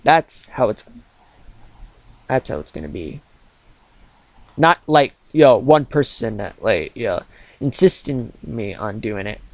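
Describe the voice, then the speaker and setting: A man's voice: fairly low pitch, expressive, slow, creaky, pauses often, dry recording, lo-fi sound. A man of twenty-one chatting casually over gameplay as a gaming channel host, rambling with many fillers.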